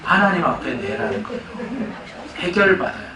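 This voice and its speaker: A male pastor giving a sermon, telling personal stories in an animated way and often laughing. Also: a little high, normal speed, crowd noise. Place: church sanctuary. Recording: echoey church hall from far off.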